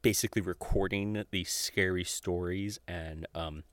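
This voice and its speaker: A low-voiced podcast host rambles casually and enthusiastically through audio drama recommendations, swearing freely and often chuckling as he talks. His intonation is fairly even, his pace measured, and his tone fairly bright. The recording is dry.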